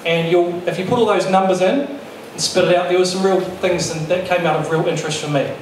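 Candid coach, echoey lecture room. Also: male voice, high voice, steady tone. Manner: candid, self-deprecating, brisk. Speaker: fast bowling coach. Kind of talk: workshop presentation. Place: large lecture room with projector. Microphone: handheld mic. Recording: echoey room, distant sound, faint noise.

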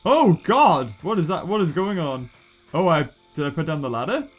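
A young British man giving casual gameplay commentary in a goofy, jokey, excitable way. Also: on the high side, normal speed. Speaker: gaming YouTuber.

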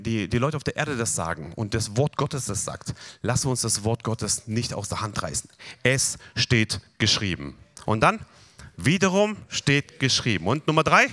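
A man preaching a sermon with animated delivery, leading the congregation through slow recitation of scripture. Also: mid-range voice.

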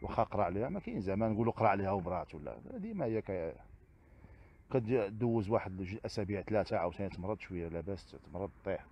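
A man with a Moroccan Arabic accent, answering interview questions as a father, halting and repeating the same phrases. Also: fairly low pitch, sing-song, highs cut off, a little hiss or hum. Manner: repetitive, halting, keeps circling back to set phrases. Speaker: interview guest, father seeking custody.

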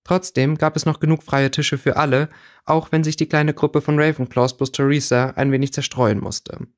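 A man's voice: on the high side, normal speed. Man reading a story aloud. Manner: steady, with small slips. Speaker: audiobook reader. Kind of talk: reading fan fiction aloud.

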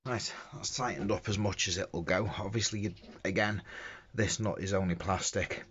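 A middle-aged tradesman, a window cleaner, casually demonstrates a fitting in a small enclosed workspace, filmed on a handheld phone. His voice sits low at a normal speed, with a fairly bright, breathy edge. The phone audio is dull and carries background noise.

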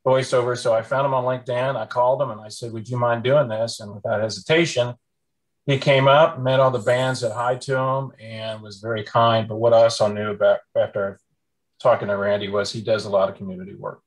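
A man co-hosts a podcast and tells a story in a chatty, casual way. His voice sits at an ordinary middle pitch. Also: steady tone, a little fast, rough recording. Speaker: podcast co-host.

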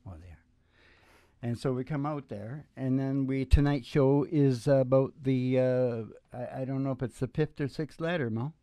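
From a small indoor stage with a curtain, a musician in his sixties hosts a show into a close stand microphone, live acoustic guitar picking underneath. His warm, mid-range voice comes at normal speed in a dry recording, and he rambles in a folksy, laid-back way, drifting into trailing asides.

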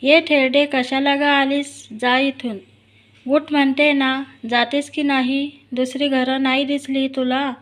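A woman doing a haughty queen, high voice, harsh and loud, storybook. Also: little pitch movement, slow pace. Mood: scornful. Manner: harsh, shouting.

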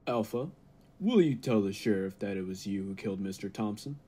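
A man playing an earnest laboratory assistant in a 1940s-style radio drama, formal and measured. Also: fairly low pitch, lively intonation, mellow, breathy edge. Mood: calm, reassuring. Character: earnest, calm male laboratory assistant scientist.

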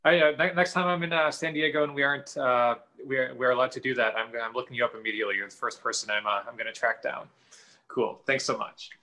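A man's voice: medium pitch, steady tone, fast talker, sharp tone, low-quality recording. A man hosting an online talk night over a video call, upbeat and chatty with lots of fillers. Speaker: host. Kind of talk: hosting a virtual talk show.

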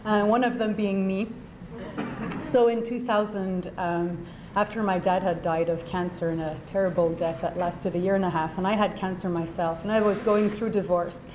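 A woman's voice: medium pitch, fairly even intonation, moderate pace, reverberant, noisy background. A woman from Canada giving an informal, chatty talk at a conference, with many fillers. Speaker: speaker, neonatologist. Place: conference hall.

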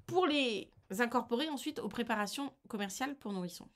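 A woman vlogger from France reading a news article aloud and reacting to it, indignant and animated, with frequent hesitations and restarts. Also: fairly high pitch, a little fast. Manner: animated, indignant, reads then comments, frequent fillers and restarts.

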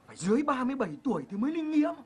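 Woman in a comedy sketch, quick bantering delivery, fairly high voice, noisy recording. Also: big pitch swings, a little mellow. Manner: bantering, bursts of laughter. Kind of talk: comic sketch acting.

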